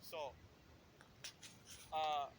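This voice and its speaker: A man's voice: a little high, flat delivery, drawn-out words. A man from El Salvador, talking outdoors in a rambling street monologue and saying "you know" constantly. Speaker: vlogger. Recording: noisy street with passing traffic.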